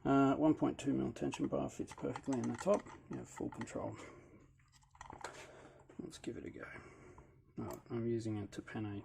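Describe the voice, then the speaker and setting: A man's voice: medium pitch, lively intonation, normal speed, vocal fry, background noise. A man, casually narrating a lockpicking demonstration in a matter-of-fact way with dry humour. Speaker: lockpicking hobbyist channel host. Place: hot backyard shed workbench.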